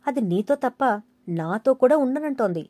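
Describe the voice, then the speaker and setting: A woman's voice: high voice, animated, normal speed, mellow, dry recording. A woman doing a teasing young husband. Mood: teasing, romantic. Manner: playful, coaxing.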